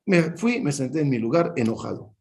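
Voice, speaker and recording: A man, a rabbi, teaching a Torah class over a video call, an animated storyteller who acts out dialogue with big swings in his voice. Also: fairly high pitch, brisk, vocal fry. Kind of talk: lively teaching with anecdotes.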